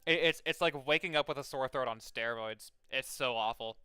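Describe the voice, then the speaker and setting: A man's voice: mid-range voice, normal speed, bright, forceful tone, clear, resonant tone, dry recording, soft background music. A young man streaming a game, chatting casually and reading game text aloud, rambling with many fillers and restarts and swearing freely.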